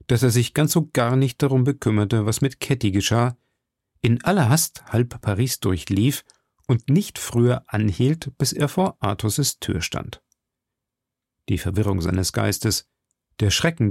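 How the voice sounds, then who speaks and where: A man reading a novel aloud in a steady, expressive manner. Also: medium pitch, gravelly, no room sound, studio quality. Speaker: reader of a novel. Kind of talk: read-aloud literary narration.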